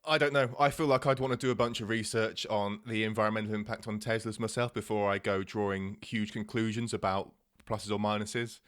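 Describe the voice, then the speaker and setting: A man's voice: lowish voice, fairly even intonation, a little fast, hardly any pauses, a bit bright. A man co-hosting a podcast, chatting casually about technology with many restarts and fillers. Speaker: podcast co-host. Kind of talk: casual tech chat. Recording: podcast mic.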